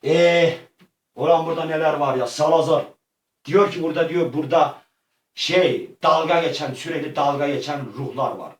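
A man acting out a comic make-believe adventure, excitable and slangy, often yelping and crying out. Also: fairly high pitch, normal speed. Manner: excitable, yelps and cries out often; slangy, rough-edged street talk. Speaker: vlogger. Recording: echoey room, far from the mic.

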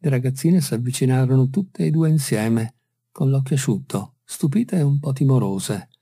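A man reads a classic short story aloud, calm and unhurried. His voice is very dark and husky, at a middle pitch. The sound is dry and close to the mic. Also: dry recording. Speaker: audiobook reader. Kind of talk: literary narration.

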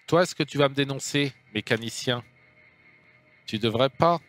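A man's voice: medium pitch, normal speed, a bit bright, faint music behind. A man hosts a video game let's play and keeps up a casual running commentary. He jokes as he goes and reads the game's dialogue and news text aloud.

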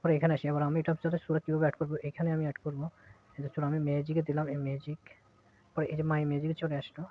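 A man's voice: a little high, completely flat delivery, rapid-fire. A man walking viewers through an app step by step in a casual tutorial, with many hesitant fillers. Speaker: tutorial presenter. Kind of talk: casual screen-recorded tutorial. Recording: tinny phone-like sound.

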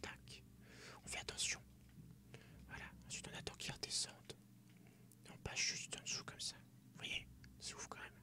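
A young man whispering ASMR game commentary softly and close, right in the listener's ear. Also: moderate pace, pauses often. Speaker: game streamer. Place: small room at home, indoors.

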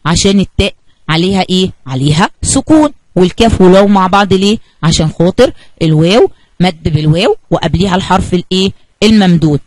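A woman's voice: lowish voice, animated, fast talker, a little mellow, no room sound, poor audio. A woman with an Egyptian Arabic accent teaching a kindergarten spelling lesson, asking the children questions and answering them herself.

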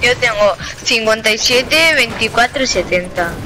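Spanish woman gamer on voice chat, lively callouts, a bit high, clicks and game noise behind. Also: moderate pace. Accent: Spain Spanish. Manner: excited bursts of callouts. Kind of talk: casual gaming chat with teammates.

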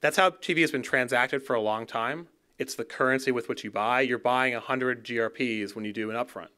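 A man's voice: medium pitch, a little fast, bright, forceful tone, clean tone. A man in his thirties giving a conversational conference keynote from a stage podium, sometimes repeating words as he restarts a phrase. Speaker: keynote speaker. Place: dark auditorium stage. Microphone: podium gooseneck mic.

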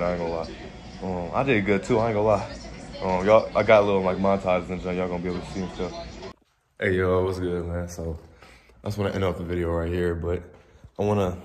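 A man's voice: deep voice, background noise. Young man, laid-back slangy vlog chat. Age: young adult. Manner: laid-back slangy talk, drifting soft and reflective. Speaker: vlogger. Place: quiet indoor room, an old church. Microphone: phone camera held close.

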